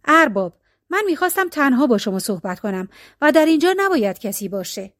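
A woman's voice: sits high, big pitch swings, no room sound, studio quality. A woman reading a folk tale, voicing a poor, clever peasant man who speaks politely and slyly. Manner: sly, polite, quietly cunning.

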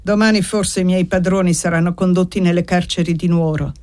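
A reader playing an old male family servant who speaks slowly, gently and in a pleading way. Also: mid-range voice, flat delivery, natural voice. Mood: grieving.

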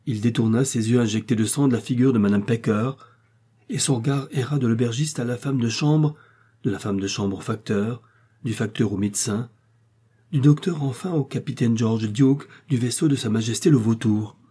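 A man narrating a novel in steady storytelling. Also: medium pitch, moderate pace, husky. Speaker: audiobook narrator. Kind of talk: scripted narration.

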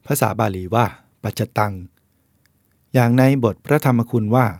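A man's voice: medium pitch, moderate pace, a little mellow, dry recording, studio quality. A man, a Buddhist monk, reading a book of essays aloud in a plain, explanatory way and speaking directly to the listeners.

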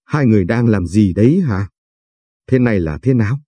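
A man's voice: lowish voice, expressive, normal speed, husky, dry recording. A man voicing a furious, heartbroken young wife who hurls accusations at her husband. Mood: enraged. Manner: shouting accusations.

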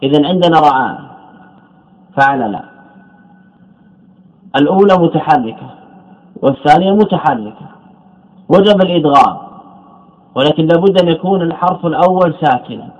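A man teaching a classical grammar text in a lecture, stretching out example words slowly and restating terms as he goes. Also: fairly high pitch, animated. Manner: drawn-out syllables on example words, repeating terms and correcting himself. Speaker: Islamic scholar teaching Arabic morphology. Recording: dull lo-fi lecture recording.

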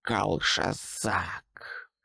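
A man doing a slow, menacing sorcerer. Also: lowish voice, very animated, vocal fry, fairly bright tone, no echo, studio quality, exaggerated voice. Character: cruel male sorcerer, menacing and cold.

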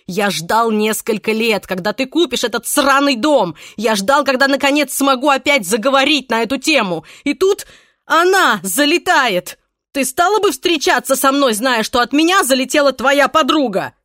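A woman's voice: mid-range voice, lively intonation, moderate pace, dry recording, studio quality, natural voice. A woman reading aloud and voicing an obsessive young man who pleads desperately and threatens coldly, in an audiobook. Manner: pleading then cold and threatening.

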